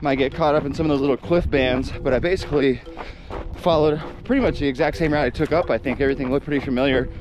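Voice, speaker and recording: A man's voice: fairly high pitch, fairly even intonation, fast talker, low-quality recording. Man chatting casually while running outdoors. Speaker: outdoor adventure vlogger. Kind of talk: casual vlog talk to viewers. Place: outdoors on a mountain trail.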